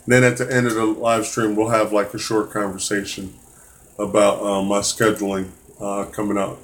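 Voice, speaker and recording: A man's voice: lowish voice, flat delivery, moderate pace. A man teaching a live-streamed test prep math lesson, casual and encouraging, with many fillers and restarts.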